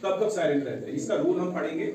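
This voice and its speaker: A man teaching English drills his students with repeated call-and-response questions, speaking quickly in a voice on the high side. Crowd noise and faint noise come through a far-off mic in a very echoey room.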